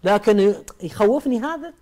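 A man's voice: sits high, lively intonation, moderate pace, a little mellow. A male preacher, giving a conversational religious talk that leans on rhetorical questions and playful everyday examples.

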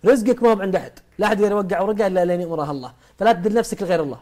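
A man's voice: sits high, very fast, darkish tone. A male preacher, giving a conversational religious talk that leans on rhetorical questions and playful everyday examples.

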